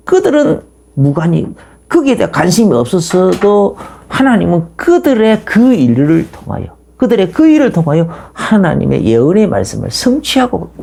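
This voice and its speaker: Gravelly, animated woman preaching. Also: medium pitch. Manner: emphatic storytelling with rhetorical questions. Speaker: pastor. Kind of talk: sermon.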